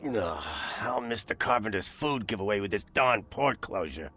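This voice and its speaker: A man's voice: on the low side, lively intonation, moderate pace, sharp tone, soft background music. An actor playing a hungry, down-on-his-luck, grumbling townsman in a video game. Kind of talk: video game character dialogue.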